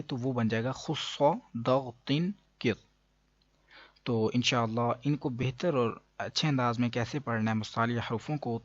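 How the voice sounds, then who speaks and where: Man calmly teaching Arabic letter sounds. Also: medium pitch, no echo, muffled recording. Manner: slow and explanatory, with frequent pauses and fillers. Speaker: Quran reading teacher. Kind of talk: patient spoken lesson.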